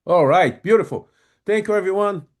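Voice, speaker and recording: In a live webinar on project management delivered by video call, a man speaks in a high-pitched voice at normal speed. His accent is Brazilian Portuguese, though German and French were his first languages at home before he moved to Brazil. The talk is friendly but hesitant and thick with fillers.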